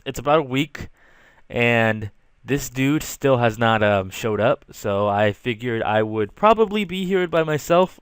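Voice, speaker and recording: A young adult man who makes storytelling videos tells a casual, slang-filled story over rough drawings, tossing in exasperated asides. His medium-pitched voice sounds clean in a dry recording.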